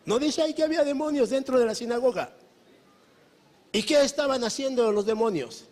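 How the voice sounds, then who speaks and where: A man's voice: very high voice, expressive, a little fast, a little mellow. A man with a Mexican accent preaching a sermon as pastor, emphatic and full of rhetorical questions to the congregation. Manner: emphatic preaching, often calling listeners brother.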